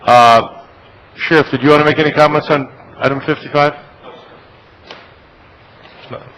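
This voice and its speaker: A man's voice: on the high side, steady tone, unhurried, a bit bright, a little hiss or hum, poor audio. An American man chairing a public meeting, speaking in informal procedural phrases. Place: government meeting room.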